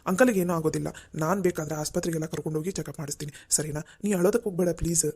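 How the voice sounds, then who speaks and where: A steady young cartoon man, gently soothing and coaxing with a deep voice. His tone is dark and low. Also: racing, slightly rough. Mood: reassuring. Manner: soothing, coaxing, repeats "okay?". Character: young man, calm and reassuring friend. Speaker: helper friend.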